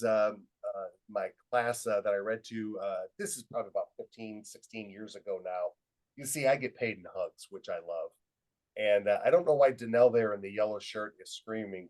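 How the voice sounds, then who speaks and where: Lively middle-aged male storyteller. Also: on the low side, poor audio. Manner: lively storyteller who acts out quoted dialogue. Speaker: webinar presenter and student leadership trainer. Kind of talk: anecdotal storytelling presentation.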